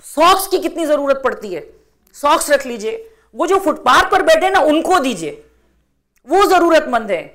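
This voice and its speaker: A woman's voice: sits high, big pitch swings, a bit bright. A middle-aged woman giving an earnest religious talk to a women's gathering, exhorting and repeating phrases for emphasis.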